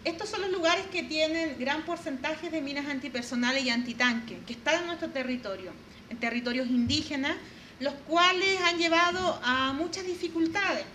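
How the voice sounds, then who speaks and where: Earnest high-voiced woman presenting. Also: bright, forceful tone, slight background noise. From northern Chile. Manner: earnest, measured, with frequent pauses and fillers. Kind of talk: formal presentation to an audience.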